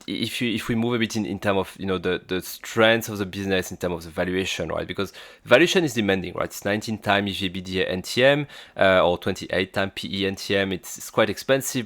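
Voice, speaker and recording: Male podcast host, French accent, low voice, halting delivery full of fillers, dry close mic. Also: a bit bright, no echo. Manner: hesitant, many fillers and restarts. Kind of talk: solo stock-analysis podcast. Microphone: new podcast mic.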